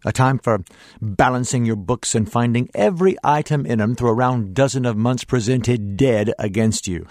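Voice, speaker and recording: A man's voice: mid-range voice, moderate pace, a little mellow, no echo, clean studio sound, pitched above the performer's own voice, close to an everyday voice. An actor playing Scrooge, a bitter, miserly old man, delivering his lines with theatrical contempt. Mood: scornful. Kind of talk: stage reading.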